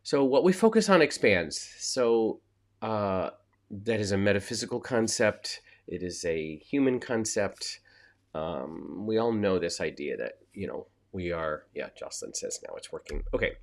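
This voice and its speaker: A man's voice: low voice, a little slow. A man with a cold and a nasal voice, chatting casually to viewers as a coach on a live stream, with many fillers and asides.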